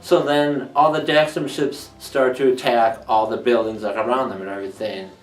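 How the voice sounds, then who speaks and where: A man's voice: medium pitch, fairly even intonation. Joking male reviewer recapping an episode. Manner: joking, acts out characters in quick throwaway voices. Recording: roomy, distant mic with music underneath.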